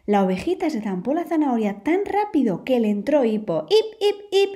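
A woman with a Spain Spanish accent reads a children's story aloud with expressive, lively delivery. Her voice sits high and has a soft, mellow tone. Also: a little fast.

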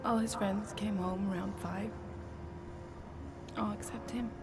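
A woman's voice: medium pitch, fairly even intonation, measured pace, loud music behind the voice, natural voice. A woman voicing a grieving, guarded mother in a video game, curt and defensive. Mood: sad recalling. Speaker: game character. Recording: game audio with clear background noise.

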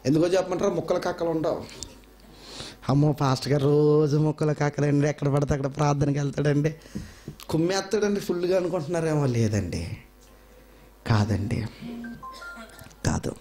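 A man preaching a sermon, emphatic, repeating phrases and swinging between high loud cries and quiet low asides. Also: normal speed, pauses often. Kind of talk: Telugu sermon.

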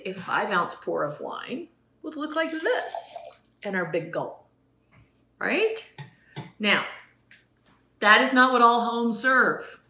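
A woman's voice: a little high, sharp tone. A woman giving a casual, joking demonstration lesson from her home. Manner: playful, joking, chatty. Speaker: hospitality instructor. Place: at home near her refrigerator. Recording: echoey room.

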